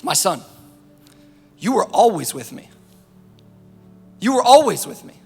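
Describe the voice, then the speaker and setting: A man voicing a loving father softly begging his grown son, within a sermon. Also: sits high, very animated, measured pace, gravelly, husky, in a large hall, soft background music, heavily acted. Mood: tender. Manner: gentle, pleading.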